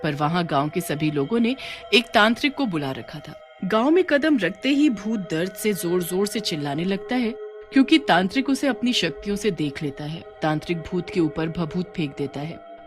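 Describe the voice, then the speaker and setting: Low-voiced woman telling a cartoon tale. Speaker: narrator. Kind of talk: storybook cartoon narration.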